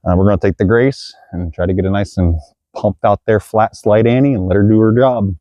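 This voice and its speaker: Brisk and mellow, this lowish male voice gives chatty play-by-play of his outdoor disc golf round, addressing viewers as guys. The hilly course leaves him out of breath, and the recording is dry.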